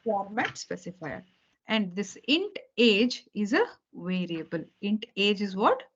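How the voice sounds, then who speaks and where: Speaking at medium pitch and a little slowly, a very animated woman walks a beginner through programming on a video call. Patient and repetitive, she restates key points and checks in with "okay" and "right" after almost every line. Slight background noise comes through the dull, lo-fi call audio.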